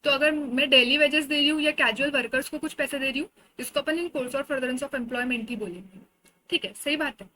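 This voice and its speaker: A woman's voice: high-pitched, normal speed, sharp tone, a little hiss or hum, rough recording. A woman with an Indian accent giving an exam-oriented lecture, explaining in a conversational way with everyday examples. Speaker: teacher.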